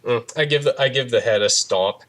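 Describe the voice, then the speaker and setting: A man's voice: medium pitch, brisk, fairly bright tone. A man playing a tabletop role-playing game, casually describing his character's actions and lines. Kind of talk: casual role-play chat.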